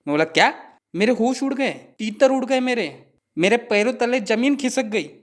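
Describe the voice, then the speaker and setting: Animated young male comic storyteller. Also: very high-pitched, moderate pace. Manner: animated, mock-dramatic. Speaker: comedy video creator.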